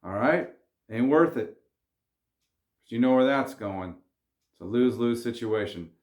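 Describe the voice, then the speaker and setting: A vlogger speaks straight to camera in a casual advice monologue, laid-back, slangy and earnest as he tells viewers to keep their cool. His medium-pitched voice is animated, a little slow and slightly mellow, and the room sounds echoey.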